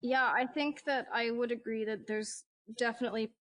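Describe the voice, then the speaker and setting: A woman dog trainer talks as a guest in a relaxed conversation. She is chatty and animated and tells little stories as she goes, in a voice a bit higher than most women's. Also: moderate pace. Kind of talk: casual conversation.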